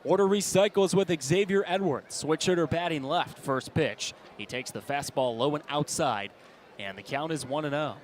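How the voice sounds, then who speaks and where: An American man with a voice on the high side calls live baseball play-by-play at a moderate pace. His calls are clipped and in the present tense, built to swell on big plays, and outdoor stadium noise and ballpark ambience sit behind him.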